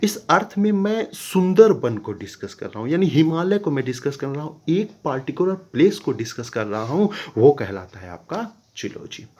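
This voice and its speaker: A man's voice: fairly high pitch, big pitch swings, moderate pace, hardly any pauses, a little mellow. A man teaching a school geography class, explaining terms step by step and often checking if students follow. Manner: explains step by step, keeps asking "clear?". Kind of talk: classroom lecture.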